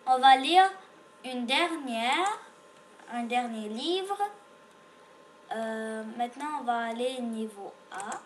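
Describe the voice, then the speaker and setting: Patiently repeating every word and sounding out each letter, a woman teaches beginners to read in a slow French lesson. She speaks on the high side, expressively and slowly, with long pauses over a slight hiss or hum.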